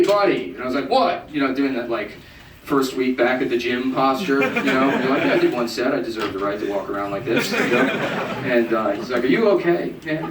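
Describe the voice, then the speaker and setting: Man, young, stand-up comic, deadpan, self-mocking, distant mic, loud hiss. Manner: deadpan, self-mocking, acts out other people in a high mocking voice. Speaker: stand-up comedian. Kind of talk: stand-up set. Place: comedy club stage with audience laughing. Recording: echoey, distant amateur club recording with loud noise.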